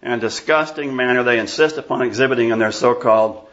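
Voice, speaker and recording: A man's voice: mid-range voice, a little fast, a bit bright, dull audio. A pastor in his sixties from Iowa, preaching an emphatic, scornful sermon and bantering with the congregation. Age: 60s. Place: church sanctuary.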